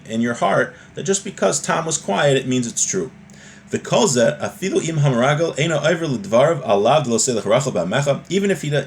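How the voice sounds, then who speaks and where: A religious teacher with a mid-range, fairly bright voice gives an informal lesson, reading from a text and then explaining it in a didactic yet conversational way, checking in with "right?". Noisy ambience surrounds the recording.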